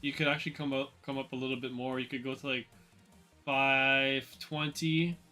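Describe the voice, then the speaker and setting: A man's voice: mid-range voice, level tone, normal speed, bright, forceful tone, faint music behind. A man hosting a casual trading livestream, chatting loosely and answering viewers with fillers and repeated words. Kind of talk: casual livestream market commentary.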